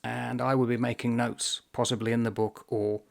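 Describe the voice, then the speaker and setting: Gravelly middle-aged man musing on reading. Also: medium pitch, flat delivery, a little hiss or hum. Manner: thoughtful, pausing, musing aloud. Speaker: book vlogger. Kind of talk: reflective book vlog talk.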